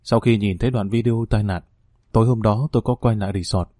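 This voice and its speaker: A man's voice: fairly low pitch, fairly even intonation, a little fast, warm tone, no echo, natural voice. A man voicing a shaken middle-aged father who explains himself earnestly and apologizes.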